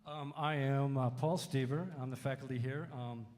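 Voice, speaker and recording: This Wisconsin man, a music faculty member who drums in a band, answers questions at a college Q&A in a friendly, casual way packed with fillers. His medium-pitched voice is steady and a little mellow at a moderate pace, echoing through the reverberant music hall.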